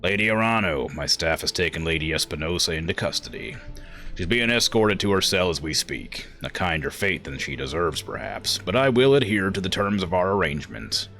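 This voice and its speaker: A man voicing a stern, vengeful lord in a video game, formal and measured in speech. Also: low voice, sing-song, bright, forceful tone, faint music behind, full character voice. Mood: grave, grateful. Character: stern, vengeful nobleman, grave and courtly. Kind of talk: reading game dialogue aloud.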